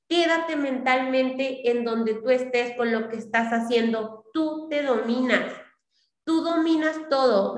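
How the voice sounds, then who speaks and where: A woman's voice: high-pitched, roomy sound. A young adult woman giving a motivational business talk on a video call, coaching and repeating her points with frequent checks for agreement. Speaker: business team leader.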